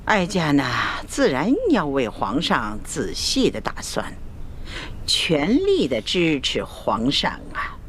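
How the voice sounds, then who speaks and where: An actress playing an elderly, shrewd empress dowager in a Chinese costume drama, measured and outwardly doting while sweetly passive-aggressive. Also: female voice, deep voice, huge pitch swings, slight background noise, heavily acted. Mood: plaintive, needling. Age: older.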